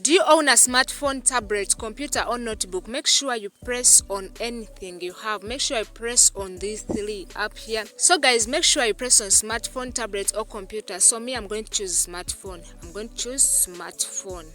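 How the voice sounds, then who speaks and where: Over faint background music, a woman from Uganda voices a screen-captured tutorial for her YouTube channel at a moderate pace with few pauses. Her medium-pitched tone is pushed and bright, and she repeats points while addressing everyone as "guys."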